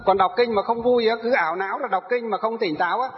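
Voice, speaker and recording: A man's voice: sits high, quick pace. A man giving a Buddhist dharma lecture, explaining scripture patiently and posing rhetorical questions that he answers himself. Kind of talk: sutra lecture. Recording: dull recording with long hall reverb.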